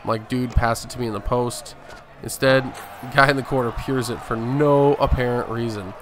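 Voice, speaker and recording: In this gaming video, the male host calls a basketball game as it happens, chatting in present tense. He speaks at a moderate pace in a mid-range voice with fairly even intonation, and game audio plays clearly behind him.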